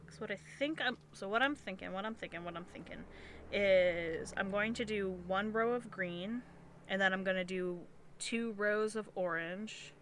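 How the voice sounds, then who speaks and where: A woman's voice: medium pitch, normal speed, fairly bright tone, slight background noise. A young adult woman streaming, chatting casually while she sews and thinking aloud in a chatty, repetitive way. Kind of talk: casual live-stream chat while sewing.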